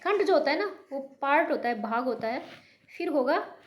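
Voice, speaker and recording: A woman teaching a Hindi lesson, slowly drawing out each sample word and mixing English words into her explanations. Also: high-pitched, lively intonation, roomy sound. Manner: slow, repetitive, drawn-out pronunciation of sample words. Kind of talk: online language lesson.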